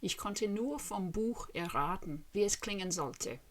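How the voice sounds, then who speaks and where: A woman in her fifties from Western Australia, a native English speaker with an Australian accent, talks to camera in the language she's learning. Her mid-range voice has lively intonation, and she speaks unhurriedly, carefully and earnestly, asking her viewers questions.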